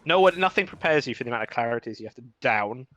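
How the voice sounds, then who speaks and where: A man casting a live esports match, chatty and wry with quick reactions. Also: medium pitch, expressive, a bit bright, no room sound. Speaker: esports caster. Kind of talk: live game commentary.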